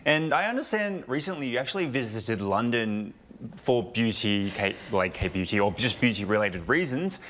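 A man's voice: medium pitch, lively intonation, moderate pace, fairly bright tone, a little hiss or hum. A man co-hosting an interview show, asking loose, rambling questions full of fillers. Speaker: co-host.

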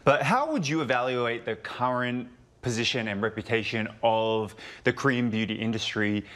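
A man's voice: mid-range voice, animated, moderate pace, a bit bright. A man co-hosting an interview show, asking loose, rambling questions full of fillers. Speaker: co-host.

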